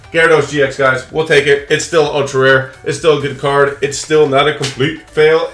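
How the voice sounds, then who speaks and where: A young adult man speaks in a mid-range voice as he hosts a card-opening video, casually and playfully talking to viewers and his pet while he opens trading cards. He records in a small room at home, and the sound is reverberant.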